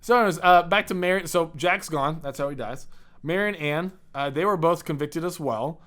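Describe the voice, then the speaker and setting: A man's voice: on the high side, brisk, a bit bright. A young man co-hosting a podcast, telling pirate history in a chatty, storytelling way with frequent restarts. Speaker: podcast co-host. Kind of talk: casual history chat.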